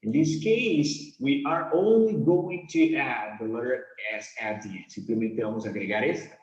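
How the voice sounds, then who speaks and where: A man teaching an English grammar lesson to Spanish speakers, asking the class questions and drawing out example words slowly. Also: medium pitch, darkish tone. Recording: echoey room, dull lo-fi sound.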